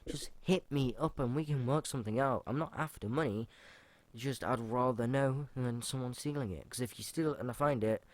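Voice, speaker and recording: A man hosts a casual solo podcast in a medium-pitched voice at a moderate pace, with no echo on the recording. He rambles informally with fillers, restarts, and casual swearing, and reads out his own rap lyrics.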